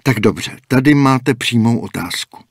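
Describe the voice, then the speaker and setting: A man's voice: medium pitch, lively intonation, slightly rough, no echo, clean studio sound. A man voicing an impatient young male athlete in an audiobook, talking in a raised, exasperated and demanding way. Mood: irritated, impatient.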